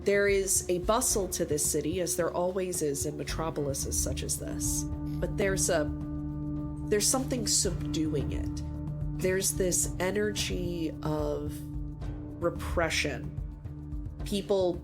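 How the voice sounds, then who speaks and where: Slow, low-voiced woman narrating as game master. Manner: descriptive, measured, with searching pauses. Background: background music.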